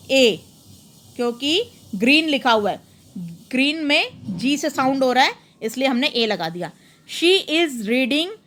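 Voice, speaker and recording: A woman teacher, patiently explaining worksheet answers step by step and reading sentences slowly. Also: high voice, a bit bright. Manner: patient, explains each example step by step, reads English slowly.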